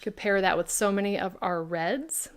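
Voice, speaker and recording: A woman's voice: medium pitch, moderate pace. A woman hosting a live craft product demo, chatting and answering viewers' questions by name.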